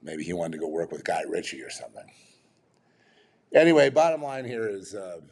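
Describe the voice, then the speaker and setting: A man talking through an unscripted commentary in a slightly low voice. He rambles and restarts, then bursts into exasperated rhetorical questions. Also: very animated, fairly quick, gravelly, a little mellow, breathy edge. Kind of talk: off-the-cuff commentary.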